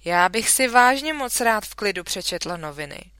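Woman putting on a loud blustery fed-up dad, bright voice, storybook style. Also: mid-range voice, lively intonation, clean tone, dry recording, pitched above the performer's own voice, lightly acted. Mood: weary. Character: exasperated harried father, blustering.

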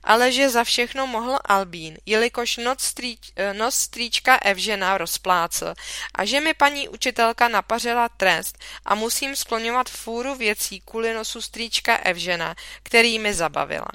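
A woman reading a children's story aloud in a lively, expressive narration. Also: on the high side, smooth, no room sound. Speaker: audiobook reader.

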